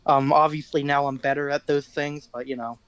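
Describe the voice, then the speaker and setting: Teen guy, slightly higher voice, rambling, self-mocking, casual interview talk. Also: flat delivery, brisk, smooth, no room sound. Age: teens. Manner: rambling, self-deprecating, laughs at his own stories. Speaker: guest musician.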